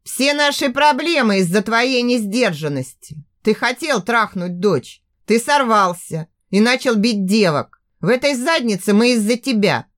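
A woman's voice: on the high side, lively intonation, measured pace, hardly any pauses. A woman voicing a ruthless middle-aged male police captain with a harsh, growling manner. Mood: angry.

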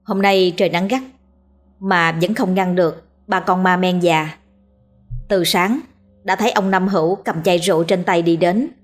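A woman with a Southern Vietnamese accent narrating a ghost story in a steady storytelling manner. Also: on the low side, moderate pace, soft background music.

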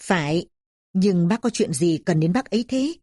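A woman doing a calm gossiping neighbor. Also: on the low side, moderate pace, slightly rough, no room sound, studio quality. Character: calm middle-aged neighbor friend.

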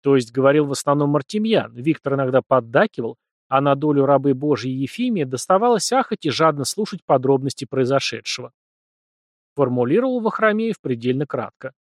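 A man narrating an audiobook in an expressive storytelling reading. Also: mid-range voice, brisk, no echo, studio quality. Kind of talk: scripted narration.

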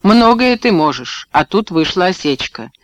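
A man's voice: high voice, sing-song, a little slow, no room sound. A man reading a bitter, cutting young wife. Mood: cold. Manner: cold, cutting retorts.

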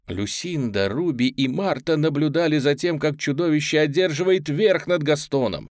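Выразительный мужской голос чтеца аудиокниги, неторопливо разворачивающий сказочный сюжет. Звук близкий, сухой, студийный. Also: male voice, a little high, no echo, clean studio sound. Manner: выразительное, театральное повествование. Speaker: чтец аудиокниги. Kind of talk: художественное чтение сказки.

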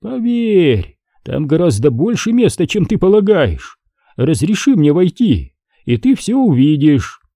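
A man's voice: on the high side, wildly swooping pitch, measured pace, warm tone, no echo, clean studio sound, pitched above the performer's own voice, full character voice. A man voicing an eerie, friendly dead brother who talks in a coaxing, lazily smiling way.

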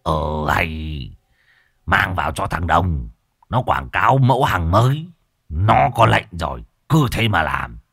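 A man's voice: deep voice, animated, slow pace, a bit bright, breathy edge, voice pushed down, heavily acted. A man voicing a bossy old village coffin-maker who barks curt, cursing orders. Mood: gruff.

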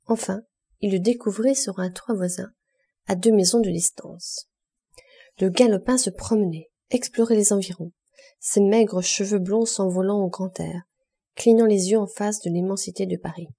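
A woman's voice: mid-range voice, vocal fry, husky. Woman reading a classic novel aloud. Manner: measured, expressive reading in short phrases. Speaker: audiobook reader. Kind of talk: scripted literary narration.

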